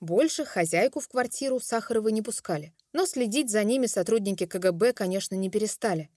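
Woman doing documentary voiceover, steady and even, dry close sound, faint music under. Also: mid-range voice, fairly quick, no echo. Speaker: documentary narrator. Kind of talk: scripted narration.

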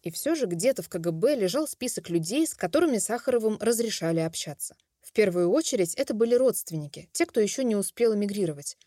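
A woman giving a measured, scripted documentary voice-over. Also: mid-range voice, expressive, dark tone, no room sound, studio quality. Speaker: documentary narrator. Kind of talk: scripted narration.

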